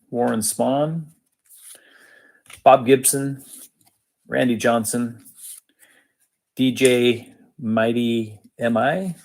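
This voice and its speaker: Male card-break host, slow and gravelly, casual and matter-of-fact, short clipped phrases. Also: medium pitch. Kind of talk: casual live commentary, reading out cards.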